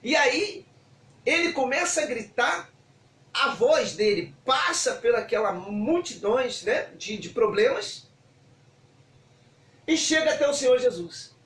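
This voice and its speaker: A man preaching a sermon as a bishop, fervent and swinging from hushed to shouting. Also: very high-pitched, expressive, slow, long pauses. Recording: echoey room, voice from far off.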